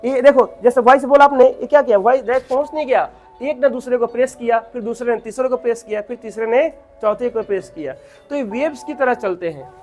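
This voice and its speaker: A physics teacher with an extremely high-pitched voice poses questions to his class and then answers them himself. He dictates notes slowly, repeating a lot, while faint music plays in the background.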